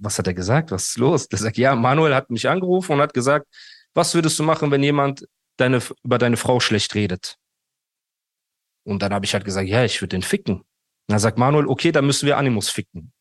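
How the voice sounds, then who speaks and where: Telling a long story in a casual interview, a man animatedly acts out what others said and frequently drops "Bruder." He speaks fairly quickly in a mid-range voice, captured in a dry, clean studio recording.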